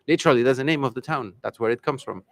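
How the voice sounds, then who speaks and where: A man's voice: mid-range voice, racing, creaky. A man interviewing a guest at a conference in a casual, upbeat, promotional way.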